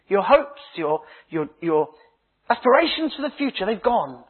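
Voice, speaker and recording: Husky preacher on a tinny line. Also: male voice, high-pitched, very animated. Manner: dramatic preaching, slow emphatic phrases dropping to hushed tones; humorous storytelling. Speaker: minister. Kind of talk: sermon. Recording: tinny phone-like sound.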